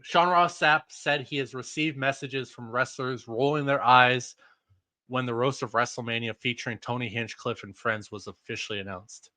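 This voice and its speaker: A man with a bright, forceful voice in casual podcast chat about wrestling news. He is blunt and profane, readily sliding into exasperated rants. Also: mid-range voice, fairly even intonation, normal speed.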